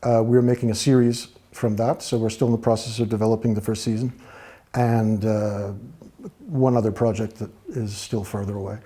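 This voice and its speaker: A man from the United States with an American accent, a guest in a studio interview, talking in a thoughtful, measured way with frequent fillers. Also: fairly low pitch, level tone, dark tone. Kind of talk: relaxed interview talk.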